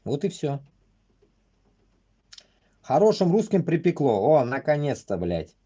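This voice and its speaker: A man rambles on a livestream, swearing constantly and bluntly in halting, choppy phrases. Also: on the high side, sing-song, warm tone, husky, muffled recording. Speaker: livestream host. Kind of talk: casual rambling live commentary.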